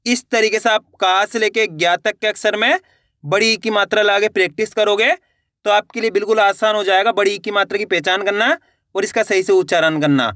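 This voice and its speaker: Bright-voiced Hindi teacher, encouraging tone. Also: male voice, high-pitched, steady tone, a little fast, dry recording, clean studio sound. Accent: Hindi (Indian). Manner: stretches each word syllable by syllable, then repeats it; encouraging, addresses viewers as friends. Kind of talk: slow word-by-word reading lesson.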